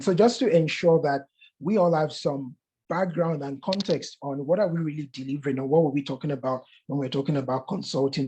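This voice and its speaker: A man's voice: a little high, warm tone, breathy edge. A man hosting an online webinar, talking earnestly with many fillers and restarts. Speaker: webinar host. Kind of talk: casual webinar talk.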